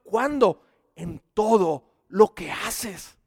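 A man preaching a sermon with earnest delivery, swinging between loud emphasis and hushed passages. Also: high-pitched, expressive, extremely slow, dry recording, clean studio sound, big-room sound.

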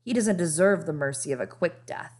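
A woman's voice: on the low side, lively intonation, a little fast, darkish tone. A woman voicing a frightened young noblewoman who pleads desperately. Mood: flattering. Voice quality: pleading, breathless.

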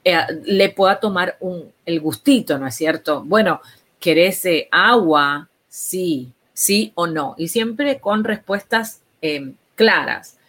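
Woman, lowish voice, calm instructive speech-therapy explainer. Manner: patient, instructive, slow deliberate examples.

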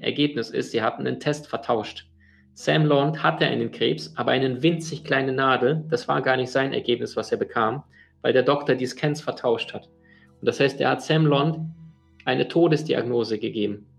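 A man's voice: mid-range voice, vocal fry. A man giving a motivational talk, addressing the listener directly and telling stories earnestly, with frequent fillers and restarts. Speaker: motivational speaker.

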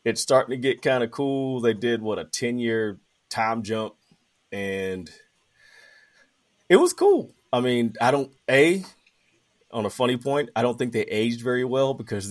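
A man with a mid-pitched voice hosts a podcast. He talks casually and informally, with plenty of slang and friendly filler address. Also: moderate pace. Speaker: podcast host. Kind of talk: casual chat.

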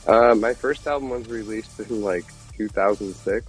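A man's voice: fairly low pitch, normal speed, slightly rough, faint music behind, poor audio. A man in his thirties from Detroit, a guest musician chatting casually and rambling through stories with lots of fillers. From Detroit, USA. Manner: rambling, laid-back storytelling with many fillers. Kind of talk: casual chat.

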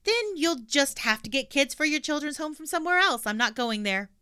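A woman voicing a bold, cheeky little girl of nine with quick, gleeful comebacks. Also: sits high, lively intonation, pushed and bright, voice pushed up.

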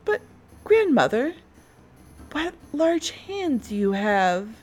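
A woman voicing an innocent, cheerful little girl with a high, eager voice. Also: very animated, drawn-out words, soft background music, heavily acted. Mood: uneasy.

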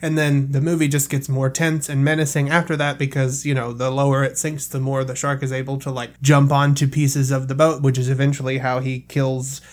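A man's voice: medium pitch, level tone, brisk, few pauses. A man co-hosting a podcast, explaining film music in a casual, filler-heavy way with some swearing. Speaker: podcast co-host.

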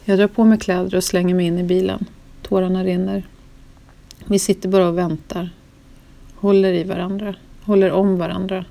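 A woman with a low, gravelly voice reads a personal memoir in the first person. Her delivery is slow and solemn, weighed down with grief. It is scripted storytelling. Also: little pitch movement, dark tone. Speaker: narrator.

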